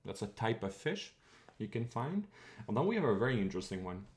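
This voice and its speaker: A man's voice: fairly low pitch, sing-song, a little fast. A man whose first language is Croatian, giving a chatty, digressive live-stream lecture on language history and thinking aloud as he goes. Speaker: streamer teaching linguistics.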